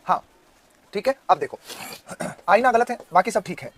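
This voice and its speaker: A man in his thirties with a Rajasthani Hindi accent, teaching an online exam-prep Hindi class and firing quick questions at his students. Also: high-pitched, animated, breathy edge. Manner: drilling students with quick questions, loud and insistent.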